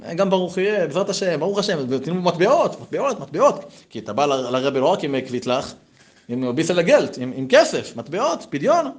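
A man telling a folk tale in a lively, animated way, with chatty asides to his listeners. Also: a little high. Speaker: storyteller. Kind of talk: lively oral storytelling.

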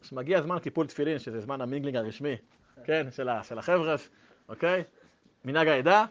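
A man telling a story to listeners in a lively, animated way, in a dull lo-fi recording. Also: fairly high pitch. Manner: lively, acts out voices.

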